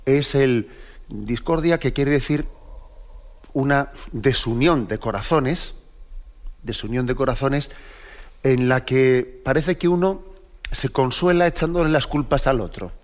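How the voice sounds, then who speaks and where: A man's voice: mid-range voice, measured pace, pauses often. Man from Spain teaching catechism, slightly dull recording. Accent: Spain Spanish. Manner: conversational, with frequent tag questions to listeners. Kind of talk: catechesis talk.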